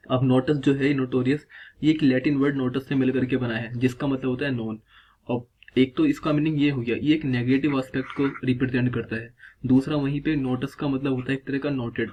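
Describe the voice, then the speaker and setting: A man with a medium-pitched voice, recorded with the highs cut off, teaches a vocabulary lesson in Hindi mixed with English terms. Going word by word, he keeps saying "theek hai" and asking himself questions as he explains.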